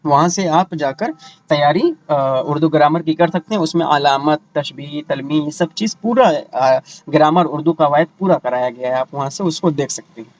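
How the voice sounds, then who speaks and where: A man teaching an online exam-prep lesson. He explains terms slowly, repeats them with English equivalents and asks the students rhetorical questions. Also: on the high side.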